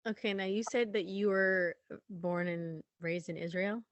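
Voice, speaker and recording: A woman's voice: mid-range voice, steady tone, moderate pace, no room sound, dull audio. A woman hosting a podcast, asking follow-up questions between brief murmured acknowledgements. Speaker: podcast host. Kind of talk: interview questions.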